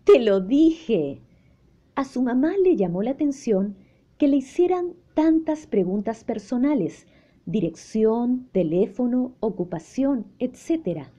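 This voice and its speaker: A woman narrating a children's story in a slow, gentle, expressive way. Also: on the high side, muffled recording.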